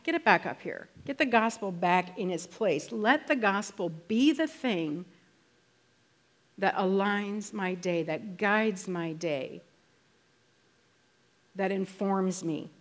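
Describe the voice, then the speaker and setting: Her voice mid-range, a woman delivers a sermon to the congregation, talking conversationally but with emphasis and slowing down on the phrases that matter most.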